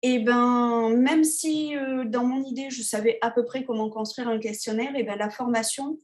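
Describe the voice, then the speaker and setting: A woman's voice: on the high side, fairly even intonation, moderate pace, a little mellow. A woman photographer talking casually as an interview guest, hesitant, with many fillers and restarts. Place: Tahiti.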